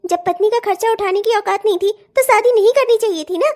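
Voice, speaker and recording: A woman voicing a bold, sharp-tongued young bride in a cartoon, scolding and defiant. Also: extremely high pitch, brisk. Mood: threatening. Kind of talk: cartoon voice acting.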